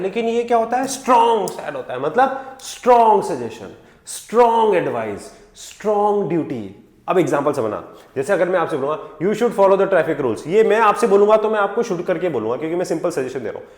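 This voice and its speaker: Lively Indian man teaching English, echoey. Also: high-pitched. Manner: lively, asks rhetorical questions, repeats example sentences slowly. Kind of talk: classroom lesson mixing Hindi and English.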